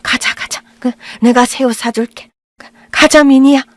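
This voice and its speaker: A woman voicing a kind elderly grandmother in an audio drama, talking softly and coaxingly. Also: high voice, steady tone, moderate pace, no room sound, studio quality, natural voice. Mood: soothing. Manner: soft, coaxing, hushed.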